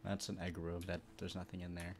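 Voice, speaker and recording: A man streaming a video game live, commenting as he plays and jumping between quiet mutters and excited outbursts. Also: low voice, fairly quick. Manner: excitable, bursts into loud shouts and laughs.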